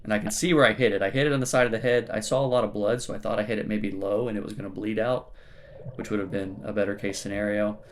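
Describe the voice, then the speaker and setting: Low-voiced man narrating his dive footage. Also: steady tone, fast. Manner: plain-spoken, matter-of-fact, explains as he goes. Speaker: spearfishing channel host.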